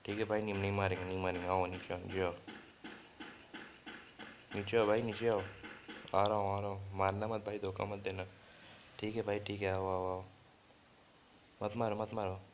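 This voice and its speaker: Man, low voice, flat delivery, urgent repeated calls, live gameplay chatter. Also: normal speed, long pauses, a little hiss or hum. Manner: urgent, repetitive pleading and calling out. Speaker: gamer streamer.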